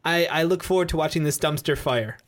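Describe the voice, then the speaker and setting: A man's voice: a little high, brisk. A man co-hosting a sports podcast, talking in a casual, bantering way. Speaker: podcast co-host.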